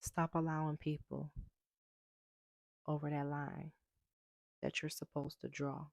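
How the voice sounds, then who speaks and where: A woman's voice: low voice, flat delivery, slow, gravelly, no room sound, studio quality. A woman in a personal vlog about healing and boundaries, talking emphatically, swearing freely and repeating her points with rising heat. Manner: emphatic, swears freely, builds to heated repetition. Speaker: vlogger.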